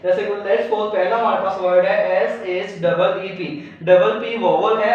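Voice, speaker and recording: High-voiced man teaching in an echoey room. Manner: patient, repetitive explaining, spelling words out letter by letter. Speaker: English teacher. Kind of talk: recorded video lecture. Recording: very echoey room, distant mic, dull sound.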